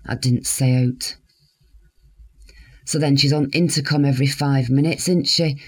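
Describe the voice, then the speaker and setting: A weary sixty-year-old woman in care, as an actress plays her speaks in a husky, slightly breathy voice. She recounts her days in a blunt, wry monologue, bitterness never far below the surface. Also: very deep voice, steady tone, unhurried, darkish tone, heavily acted. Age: 60s. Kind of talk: dramatic monologue.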